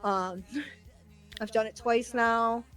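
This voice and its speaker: A young woman with a fairly high voice talks casually and frankly, cussing and laughing between points. Faint music plays behind her. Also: fairly even intonation, extremely slow, fairly bright tone. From United States. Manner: candid, swears freely, laughs often. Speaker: podcast host. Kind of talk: casual streamer chat.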